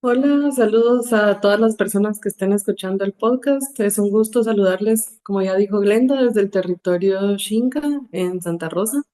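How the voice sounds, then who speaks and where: Mellow, measured Guatemalan woman. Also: medium pitch. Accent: Guatemalan Spanish. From Guatemala City. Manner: measured, reflective, uses fillers like digamos. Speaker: psychologist, guest. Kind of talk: podcast interview answer.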